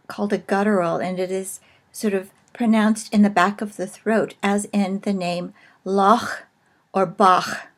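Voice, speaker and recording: Slow, careful woman teaching a lesson. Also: mid-range voice, a little mellow. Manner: slow, careful explanation with pauses. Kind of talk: recorded video lesson.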